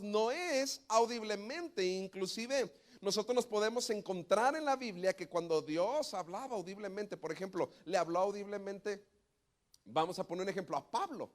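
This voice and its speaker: A middle-aged man, preaching a sermon and telling a story with acted-out quotes. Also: high-pitched. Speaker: pastor.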